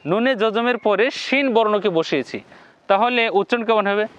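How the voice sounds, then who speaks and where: A man teaching Quran recitation in a step-by-step lesson, slowly repeating syllables for viewers to copy and giving the Arabic sounds a heavy nasal tone. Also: high voice, fairly bright tone, clear, resonant tone, dull audio.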